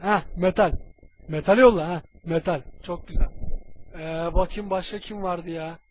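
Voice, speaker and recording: Voiced by a man, a bumbling cartoon villain mutters and curses in a high voice. The dub audio is muffled and lo-fi, with faint noise behind it. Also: normal speed, close to an everyday voice. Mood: muttering. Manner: muttering, swearing, flustered. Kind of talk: comedic fan dub.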